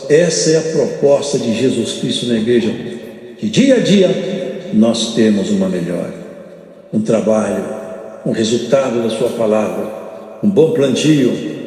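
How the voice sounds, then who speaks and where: An older man with a Brazilian Portuguese accent preaching a sermon, emphatic and repetitive, with sudden rises and drawn-out phrases. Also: medium pitch, lively intonation, warm tone. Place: large church hall. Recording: echoey church hall with long reverb.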